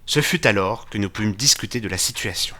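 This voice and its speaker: An actor playing Doctor Watson, narrating an audio drama with vivid, tension-building delivery. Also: male voice, on the low side, fairly quick, sharp tone. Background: music.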